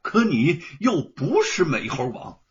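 A man storyteller voicing a gentle, devoted young wife who speaks softly and soothingly, on a dull lo-fi recording. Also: a little high, sing-song, takes it slowly, husky, exaggerated voice. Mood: tender.

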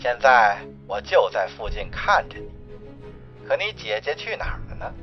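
A man voicing a menacing male broker who taunts in a low, hushed, mocking voice, with faint music behind. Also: very animated, moderate pace, lo-fi sound, natural voice. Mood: mocking menace.

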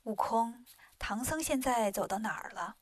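A woman voicing a calm, wry female bodhisattva who speaks softly and scolds gently. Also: fairly high pitch, normal speed, dry recording.

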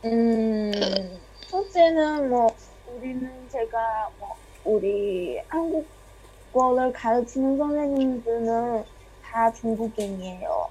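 A woman's voice: a little high, lively intonation, slow pace, dark tone, a little hiss or hum, rough recording. A young woman from China speaking Korean with a Chinese accent as an interview guest, hesitant and self-deprecating in casual chat. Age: young adult.

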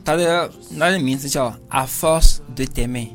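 A man co-hosting a casual lesson chat, patiently spelling out French words slowly. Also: medium pitch, a bit bright, faint music behind. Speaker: co-host teaching French.

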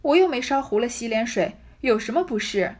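A woman voicing a young maid who protests loudly through tears in a read-aloud classic novel. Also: a little high, sing-song, brisk. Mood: tearful protest. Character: young maid girl, hurt and indignant.

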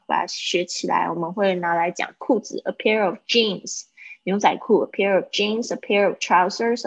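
A woman teaching a livestreamed English lesson, explaining step by step and repeating words slowly to model their pronunciation. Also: mid-range voice, slightly rough, dry recording. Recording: dull lo-fi livestream audio.

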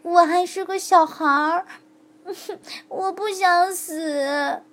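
A woman's voice: extremely high pitch, steady tone, unhurried, pitched above the performer's own voice. A woman playing a timid little piglet girl. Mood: frightened. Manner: soft, timid, pleading. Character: small frightened piglet girl.

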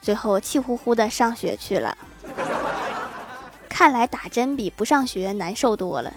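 Bright-voiced woman reading jokes. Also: on the high side, a little slow, music in the background, crowd noise. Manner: chuckles at her own punchlines; animated delivery with punchy raised lines. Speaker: podcast host. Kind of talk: reading jokes on a comedy podcast.

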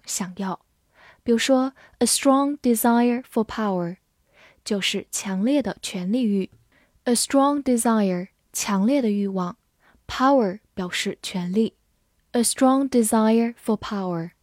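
A woman whose first language is Chinese teaches English vocabulary in a scripted lesson, spelling each word letter by letter and reading the example sentences slowly. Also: a little high, darkish tone, no echo, clean studio sound.

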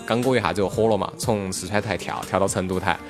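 A Sichuan talk show host with a low voice and a Sichuan accent talks fast in colloquial dialect, telling stories and tossing out rhetorical questions. It's a casual chat where he reminisces about local radio and music, with music playing in the background.

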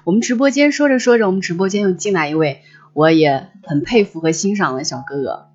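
A woman's voice: lowish voice, animated, a little fast, darkish tone, muffled recording. A woman hosting a livestream, chatting casually and reflectively and often restating her phrases. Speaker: livestream host. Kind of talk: casual reflective chat with listeners.

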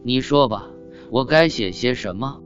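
A man's voice: mid-range voice, lively intonation, a little slow, close to an everyday voice. A man voicing an irritable middle-aged scholar official in a told story, short-tempered and scolding. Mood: irritated. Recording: dull lo-fi audio with faint guitar.

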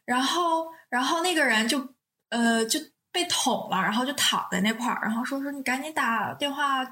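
A young woman with a higher-pitched voice, chatting casually. She rambles along, corrects her own slips and laughs often. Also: normal speed, sharp tone. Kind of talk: casual chat, retelling a TV drama plot.

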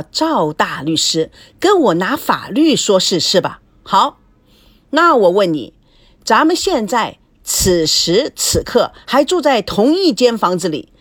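A woman's voice: medium pitch, no echo, clean studio sound. A woman voicing a hot-tempered young news anchor who scolds indignantly in a storybook reading. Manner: indignant, shouting.

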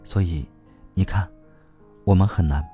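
Man voicing a soft, coaxing young woman. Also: deep voice, unhurried, faint music behind. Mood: downcast. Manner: gentle, coaxing and soft-spoken. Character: cheerful but troubled young woman.

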